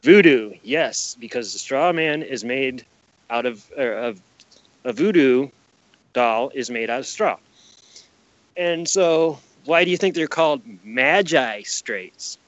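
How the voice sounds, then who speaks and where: As a podcast guest, a man explains his conspiracy-minded views emphatically, repeating key phrases and posing rhetorical questions in interview talk. His medium-pitched voice is animated and slow, on a dry, dull, lo-fi recording.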